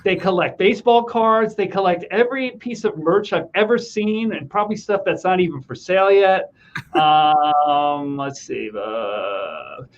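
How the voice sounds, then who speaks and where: Relaxed male livestream host, slightly high voice, dull lo-fi sound. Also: measured pace. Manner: easygoing, chatty, brief affirmations. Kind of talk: casual livestream interview, reading viewer comments. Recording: dull lo-fi call audio.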